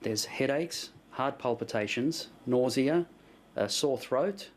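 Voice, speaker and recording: A man's voice: medium pitch, animated, slow. A man giving personal testimony as a resident in an interview. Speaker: affected resident being interviewed. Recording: clear ambient noise behind the voice.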